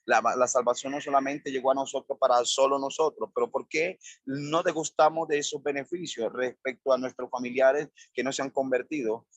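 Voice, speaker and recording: A man's voice: medium pitch, flat delivery, a little fast, hardly any pauses, no echo. A male pastor preaching a sermon, repeating phrases in emphatic lists.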